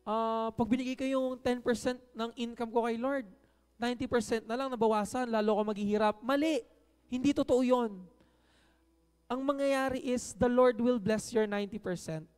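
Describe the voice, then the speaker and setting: This preacher's voice is very high-pitched, a little mellow and clean, with fairly even intonation at a moderate pace, echoing in a large hall. Switching between Tagalog and English, he delivers a conversational sermon, punching key words and often asking the audience "No?"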